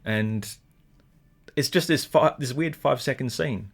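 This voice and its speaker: A man's voice: mid-range voice, unhurried, vocal fry, husky. A man co-hosting a casual review chat with an Australian accent, chatty and hedging, often laughing. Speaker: podcast co-host.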